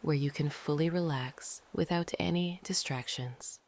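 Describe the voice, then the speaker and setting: A meditation guide of medium pitch speaks slowly and calmly in a gentle, breathy voice that often drops to a whisper. Long pauses separate the phrases of this soothing guided narration. Ambient noise sits behind the voice.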